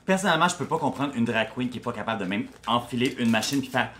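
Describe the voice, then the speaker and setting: A man's voice: mid-range voice, animated, racing, a bit bright. A man with a Quebec French accent chats in a loose, slangy way, mixing in English. There is faint noise with small clicks behind him. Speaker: drag show review co-host. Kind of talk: casual bilingual chat.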